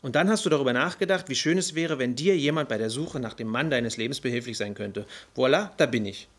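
A man's voice: mid-range voice, fast, close to an everyday voice. A man voicing a brash, irritable male fallen angel who rants in a flippant, indignant way. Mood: breezy. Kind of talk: audiobook character voice.

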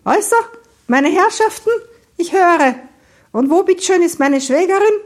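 A woman voicing a brisk, commanding older woman with a schoolmistress tone. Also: very high voice, lively intonation, pitched above the performer's own voice. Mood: imperious. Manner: sharp schoolmistress tone.

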